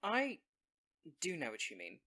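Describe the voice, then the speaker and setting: A man's voice: a little high, wildly swooping pitch, a little slow, bright, forceful tone. A man playing a tabletop role-playing game, chatting casually and speaking in character.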